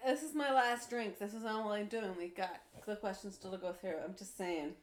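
A woman's voice: mid-range voice, steady tone, moderate pace. A woman co-hosting a podcast in casual chat, teasing and joking with dry asides. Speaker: podcast co-host.

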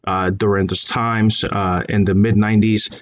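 A man in his thirties from Colombia, talking in a measured interview with many fillers. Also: fairly low pitch, flat delivery, muffled recording, a little hiss or hum. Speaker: guest. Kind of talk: conversational interview.

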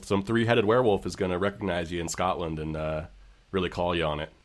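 A man's voice: low voice, steady tone, quick pace. A man co-hosting a casual podcast, rambling with hesitant restarts and a wry tone. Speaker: podcast co-host. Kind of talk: casual chat.

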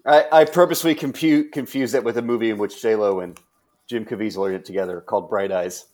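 A man on a comedy podcast panel, goofy and quick to laugh at his own jokes. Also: lowish voice, fairly even intonation, a little mellow. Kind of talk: casual comedy podcast banter.

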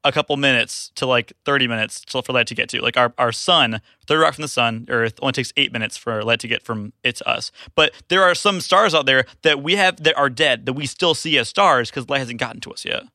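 A man's voice: mid-range voice, brisk, few pauses, bright, forceful tone, no echo, studio quality. A man co-hosting a casual podcast, eagerly explaining and stumbling over his words. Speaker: podcast co-host.

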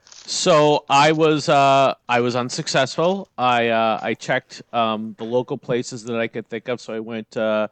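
A man in his forties chatting casually as a co-host, talking haltingly with many fillers and restarts. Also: medium pitch, fairly even intonation, a bit bright, clear, resonant tone, no room sound. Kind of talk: casual chat.

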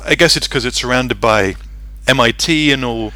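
Bright-voiced man hosting an interview. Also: medium pitch, normal speed. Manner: friendly, asks leading questions. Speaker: podcast host. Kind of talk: casual interview conversation.

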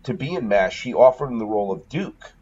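A man's voice: mid-range voice, expressive, brisk, darkish tone, slightly rough. A New England man with a Northeastern US accent, talking films in a loose, eager way and often restarting sentences. His voice sits mid-range. The podcast audio is slightly dull. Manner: enthusiastic, rambling, many restarts. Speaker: podcast co-host. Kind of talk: casual film discussion.

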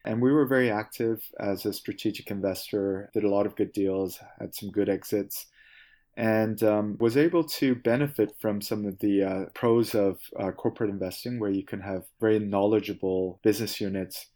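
A man, answering interview questions in a measured, thoughtful way with frequent pauses. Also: on the low side, fairly even intonation, warm tone. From South Korea. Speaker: guest, venture capitalist.

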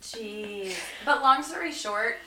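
A woman co-hosting a casual podcast, a little hoarse, talking casually with quick asides and some swearing. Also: sits high, sing-song, bright, forceful tone. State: slightly hoarse from partying. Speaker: podcast co-host.

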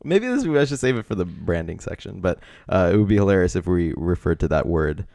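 A very animated man with a low voice, vocal fry, and a slightly mellow tone talks briskly as co-host of a comedy podcast. In casual comedic chat he rambles through ideas, giggling often and filling his speech with fillers, in studio-quality audio with no echo.

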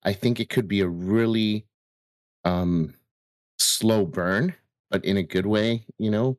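Low-pitched man, close dry sound. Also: slow, dry recording. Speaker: podcast co-host. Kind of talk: casual discussion.

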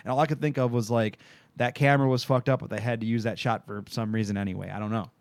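A man's voice: mid-range voice, fairly even intonation, fast talker, no echo. A man hosting a podcast in casual chat, rambling, swearing freely and laughing often. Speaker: podcast host recapping a TV show.

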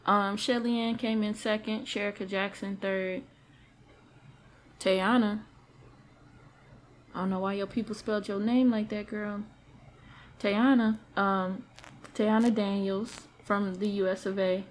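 A woman's voice: mid-range voice, a little slow, long pauses. Chatty woman co-host with faint hiss. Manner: chatty, animated storytelling with slang. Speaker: podcast co-host. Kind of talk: casual chat.

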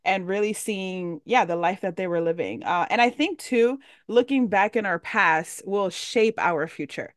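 A woman's voice: mid-range voice, a little slow, hardly any pauses, dry recording, clean studio sound. A woman from the Dominican Republic hosting a faith podcast, effusive and full of fillers, reacting with lots of wows. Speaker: podcast host. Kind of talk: casual faith podcast conversation.

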